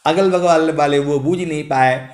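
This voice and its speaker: A man in his late fifties, a spiritual preacher telling anecdotes with a chuckle and chanting couplets in a long, drawn-out tune. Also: a little high, darkish tone. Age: late 50s. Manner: drawn-out sung recitation of couplets between anecdotes; chuckles while telling stories. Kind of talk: storytelling sermon with chanted verses. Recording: echoey room.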